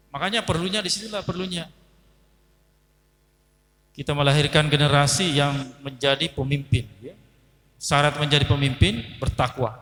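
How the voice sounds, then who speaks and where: A man's voice: fairly high pitch, fairly bright tone, big-room sound. A man giving a sermon to a live audience, telling a story and acting out its dialogue while addressing listeners directly. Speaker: preacher.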